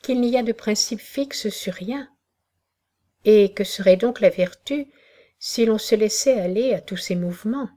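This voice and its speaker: A woman's voice: mid-range voice, a little slow, mellow, lightly acted. A woman reading the lines of a stern, rigid young woman in an audiobook of a classic novel, stiff and reproachful.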